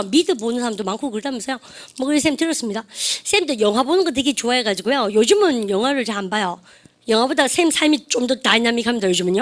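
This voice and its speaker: A middle-aged woman teaching English to a classroom of adults, lively and teasing, firing quick questions at her students. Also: high voice. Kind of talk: classroom lecture.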